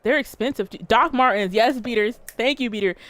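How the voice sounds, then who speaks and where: A woman streamer telling a story and chatting with her viewers, animated and full of swearing. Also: on the high side, a little fast, no echo, faint music behind. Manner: profane, animated, talks straight to chat. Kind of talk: casual livestream storytelling and chat.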